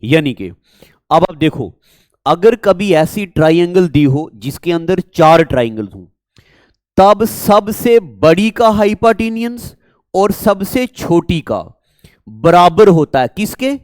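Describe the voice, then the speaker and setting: Very animated yet taking his time, a man from Jammu and Kashmir, India, teaches a maths lesson in a Kashmiri accent, coaxing viewers with repeated quizzes. His high voice is a little mellow, in a dry recording.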